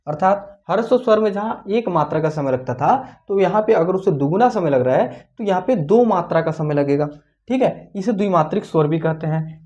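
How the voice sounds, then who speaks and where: A teacher giving an online exam-prep lesson, who asks questions and answers them, repeats key points, and slowly sounds out each vowel. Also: mid-range voice, darkish tone. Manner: slows down to say the vowel sounds out clearly. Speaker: Hindi grammar teacher.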